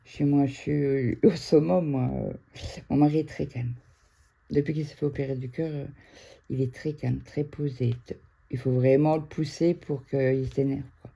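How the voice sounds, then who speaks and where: A middle-aged woman from France chatting casually to viewers at home, excitable and quick to raise her voice. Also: rumbling low, vocal fry, breathy edge. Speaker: craft vlogger. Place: indoors at home.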